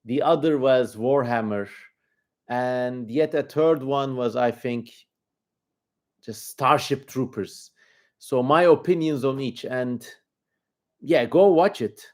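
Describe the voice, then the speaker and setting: A man's voice: medium pitch, takes it slowly, long pauses. A man with a Turkish accent hosting a livestream, giving casual commentary in an informal, rambling way as he thinks aloud. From Turkey. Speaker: livestream host.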